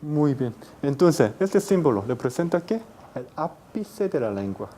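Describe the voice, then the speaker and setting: A man teaches a university class. His delivery is slow and unhurried. His pitch is lively and animated, and his tone is mellow. There is a faint hiss behind him. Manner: slow, demonstrating pronunciations and repeating words for students. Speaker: university lecturer. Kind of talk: classroom phonetics lecture. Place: lecture room.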